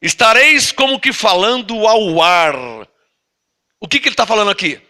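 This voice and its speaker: A high-pitched, expressive male voice, pushed and bright, delivers a Bible-teaching sermon in a Brazilian Portuguese accent. The apostle reads scripture slowly, stretching it out, before emphatically explaining it and pressing the congregation with rhetorical questions.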